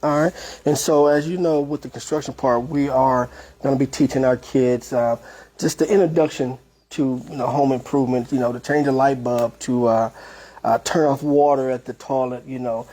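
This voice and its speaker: A man's voice: mid-range voice, steady tone, moderate pace, mellow, low-quality recording. A man hosting a community podcast, interviewing his guest in a laid-back way with frequent affirming remarks. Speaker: host. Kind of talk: casual interview.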